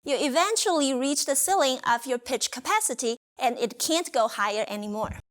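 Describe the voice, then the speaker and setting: A woman teaching pronunciation in a scripted lesson, speaking slowly and carefully as she demonstrates. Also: high voice, expressive, fairly bright tone. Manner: slow, careful, demonstrative delivery. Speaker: language teacher.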